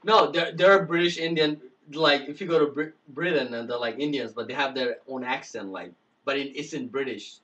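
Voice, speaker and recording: A man's voice: mid-range voice, fairly quick, a bit bright, recorded from a distance, highs cut off. A man hosting a casual chat show, stammering, repeating words and giggling. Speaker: host.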